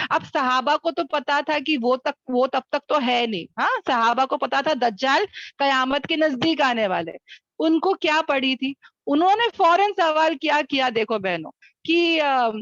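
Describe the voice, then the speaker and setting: A woman's voice: high-pitched, a bit bright, no room sound. A woman teaching a Quran class to women, speaking earnestly, repeating key words and asking rhetorical questions. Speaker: religious teacher. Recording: dull dry lo-fi recording.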